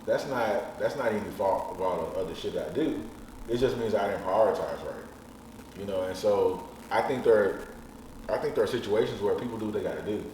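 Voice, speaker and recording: Frank man in his thirties, fairly low voice, talking casually from off the mic in an echoey room with faint hiss. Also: brisk, a little mellow, distant mic. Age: 30s. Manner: blunt, frank, swears casually. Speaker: podcast guest. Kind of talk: casual chat.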